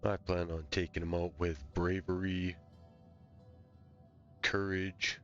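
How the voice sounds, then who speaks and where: A man's voice: deep voice, level tone, slow, dull audio, soft background music. A man improvising in character as a fantasy game player, bantering in a folksy way. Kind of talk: improvised in-character role-play chat.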